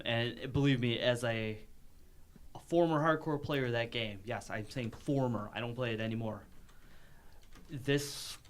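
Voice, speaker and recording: A man hosting a casual gaming podcast, talking in upbeat quick bursts and restarting his sentences. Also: mid-range voice. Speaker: podcast host.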